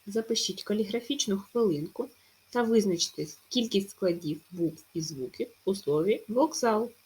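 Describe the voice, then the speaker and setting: A woman teaching a primary school language lesson in a recorded remote class, clearly stressing each sound as she dictates. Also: medium pitch, moderate pace, a little mellow, rough recording.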